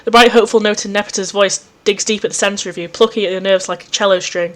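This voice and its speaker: A woman reading a visual novel aloud and chatting about it, gushing and easily excited. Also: medium pitch, quick pace. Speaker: let's play host.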